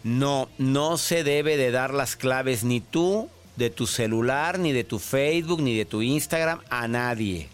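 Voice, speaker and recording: A man hosting a call-in advice radio show, lively and chatty with joking asides. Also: mid-range voice, takes it slowly, hardly any pauses, soft background music. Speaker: radio show host, psychologist.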